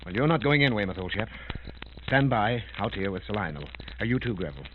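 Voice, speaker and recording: In a 1930s radio drama, captured on a tinny, noisy recording full of clicks, a male actor voices a determined investigator giving orders. His delivery is clipped, authoritative, firm and purposeful. The voice is low, sing-song and quick.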